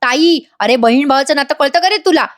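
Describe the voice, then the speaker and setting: An earnest young man who defends himself and his sister-like friend, voiced by a woman. The voice is high and pleading. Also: brisk, lightly acted. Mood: defensive. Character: earnest young man, protective brother-figure.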